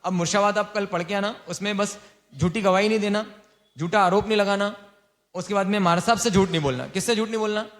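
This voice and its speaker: A man, a monk, gives an informal sermon on lay vows, teasing his listeners and quizzing them with quick repeated questions. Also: high-pitched, fairly bright tone.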